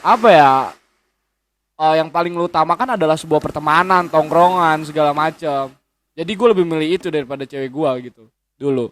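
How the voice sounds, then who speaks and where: A man in his 20s, a guest in a casual chat, rambles in a slangy way, swearing often and correcting himself through hesitations and restarts. His voice is slightly high and a bit fast, with a fairly bright tone.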